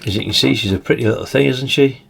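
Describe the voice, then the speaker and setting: A man with a slightly croaky voice, chatting casually through a radio review and tossing in tag questions. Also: medium pitch, fast, fairly bright tone, slight background noise. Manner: chatty, adds tag questions like "isn't it, really?". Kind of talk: casual product demonstration.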